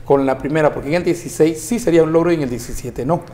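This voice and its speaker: A man's voice: on the high side, dark tone. Man putting careful questions on a TV panel. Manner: deliberate, framing questions carefully. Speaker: panel analyst. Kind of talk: TV panel interview. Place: TV studio.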